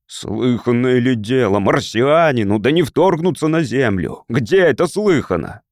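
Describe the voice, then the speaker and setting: A man voicing an outraged old Martian father-in-law who shouts indignantly in a storybook reading. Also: medium pitch, lively intonation, unhurried, no room sound, clean studio sound.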